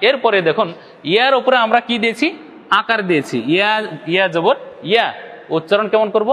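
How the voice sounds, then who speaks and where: A man from Bangladesh speaks directly to viewers in a brisk, step-by-step Quran recitation lesson, answering his own questions and stretching syllables for demonstration. His high, fairly bright voice sounds like it's in a big room, with a little hiss or hum present.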